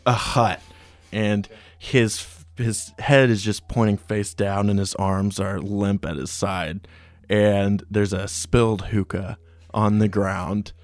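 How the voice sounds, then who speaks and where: Brief: low-pitched male game master and host, dry close recording, faint music behind. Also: fairly even intonation, slow pace, no echo. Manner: descriptive storytelling with some restarts. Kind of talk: narrating a tabletop game.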